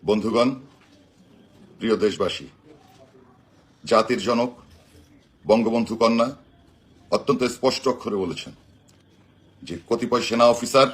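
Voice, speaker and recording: A man with a husky voice and a Bangladeshi accent, giving an emphatic, declamatory political speech on a live stream. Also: lowish voice, lively intonation, a little slow, pauses often. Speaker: political party activist.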